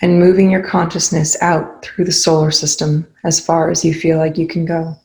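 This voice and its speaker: This is a soft-spoken guided meditation led by a woman whose low voice carries creaky fry and very little melody. She gives brief, gentle cues at an unhurried pace, with long silences in between.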